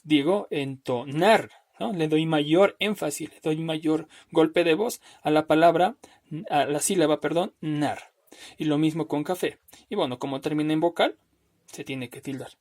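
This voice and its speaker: A man teaching a recorded spelling lesson over slides, patient and step by step, often checking in with "¿no?" and slowly drawing out words to show where the stress falls. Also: fairly high pitch, a little mellow. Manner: patient, explains step by step with frequent "¿no?".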